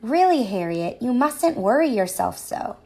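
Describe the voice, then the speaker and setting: A sensible young girl hamster, put on by a woman reading aloud, brisk and steady with her fretful sister. Her lines move slowly, with a bright lilt. This is a storybook reading for children. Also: fairly high pitch, full character voice. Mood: brisk, soothing. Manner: brisk and level-headed.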